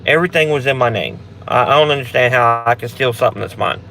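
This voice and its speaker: A man's voice: mid-range voice, fast, creaky. A man hosting a casual live Q&A for a paranormal channel, talking in a rambling, blunt way with frequent restarts and some swearing.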